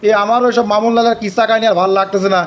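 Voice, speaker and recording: High-pitched, gossipy cartoon village uncle played by a man. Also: little pitch movement, racing, lo-fi sound, close to an everyday voice. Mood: agreeing. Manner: calling out, repeating news eagerly. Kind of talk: comic cartoon dialogue, rustic dialect.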